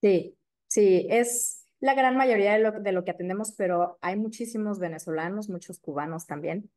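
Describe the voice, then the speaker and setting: A Mexico City woman in her thirties, speaking at a medium pitch with her local accent, appears as a periodontist guest in a casual interview. She's warm and chatty, padding her pauses with plenty of "este" and "eh."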